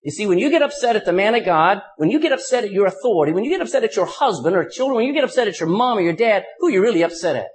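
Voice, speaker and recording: A man's voice: sits high, lively intonation, racing, hardly any pauses, husky. A pastor preaching a sermon to his congregation, asking the room questions and hitting words with sudden emphasis.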